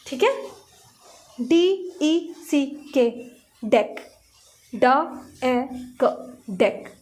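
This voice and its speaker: A woman's voice: sits high, expressive, drawn-out words, darkish tone. A woman with an Indian accent teaching phonics to young children in Hindi-mixed English, sounding out letters one at a time.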